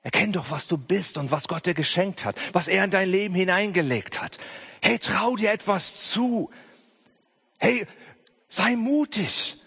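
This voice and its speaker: High-voiced man preaching a Pentecost sermon. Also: measured pace, gravelly, husky. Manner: emphatic preaching, sudden drops to soft low tones; frequent interjected "hey". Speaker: pastor. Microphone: streamed church service.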